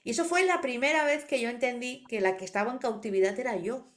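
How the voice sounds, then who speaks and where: Mujer de voz algo aguda que cuenta anécdotas. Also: female voice, fairly high pitch, quick pace. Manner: animated storyteller, acts out quoted voices. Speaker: podcast co-host, animal communicator. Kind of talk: casual podcast conversation.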